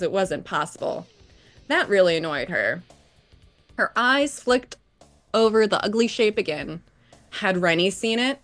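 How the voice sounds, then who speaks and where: A woman co-hosting a podcast, reading a novel aloud and breaking off with casual, laughing comments. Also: mid-range voice. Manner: laughing, chatty, reads with asides. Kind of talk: casual read-aloud with banter.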